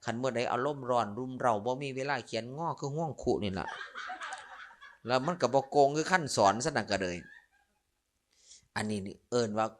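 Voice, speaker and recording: A man's voice: mid-range voice, expressive, normal speed, long pauses, background noise. A man who is a Buddhist monk, speaking with a Northeastern Thai Isan accent and giving a humorous Dharma sermon full of jokes, stories and playful asides to the listeners. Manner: joking, storytelling, playful asides to the audience.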